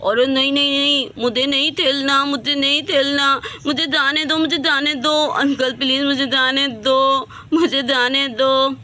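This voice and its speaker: A woman's voice: sits high, steady tone, measured pace, hardly any pauses, pushed and bright. A woman voicing a naive young woman who talks and pleads like a small child in a storybook tale. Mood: frightened pleading.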